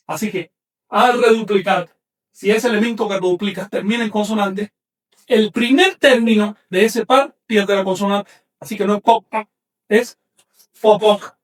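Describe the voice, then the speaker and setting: A man teaching an online class, slowly sounding out words syllable by syllable and correcting common mistakes firmly. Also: sits high, distant mic. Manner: slow, emphatic spelling out of syllables; corrective, insistent.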